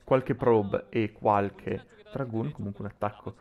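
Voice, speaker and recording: A man's voice: fairly low pitch, steady tone, a little slow, narrow, tinny audio. A man giving live commentary on a video game match, often repeating and reworking his phrases as he goes. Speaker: esports commentator.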